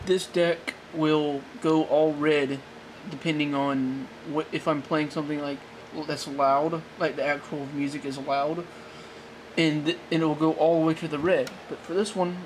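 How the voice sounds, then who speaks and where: This amateur tech tutorial guy has a fairly high voice with little pitch movement, and he rambles and backtracks through an off-the-cuff how-to demo. Sitting at a desk in a small indoor room, he's captured by a noisy handheld camera mic close behind him, out of frame.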